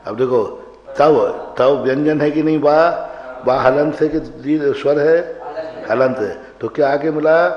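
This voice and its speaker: Slow-paced man teaching in an echoey hall. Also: a little high. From India. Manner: questions the class and answers himself, repeats words slowly to model pronunciation. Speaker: monk teaching Sanskrit grammar. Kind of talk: classroom lecture. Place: large hall. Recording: echoey hall, dull lo-fi broadcast sound.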